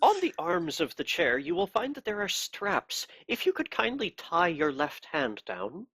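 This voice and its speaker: A man voicing a softly polite, menacing inquisitor in a tabletop game, formal and courteous as he interrogates. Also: high voice, huge pitch swings, a little slow, slightly rough, exaggerated voice. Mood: coolly courteous.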